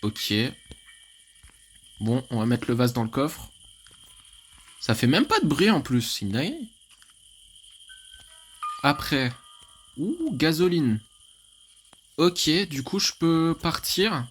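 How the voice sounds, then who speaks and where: A man's voice: fairly high pitch, sing-song, slow pace, pauses often, husky. A man casually commentating a horror video game, chatty, swearing and laughing at his own mistakes. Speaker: gaming YouTuber.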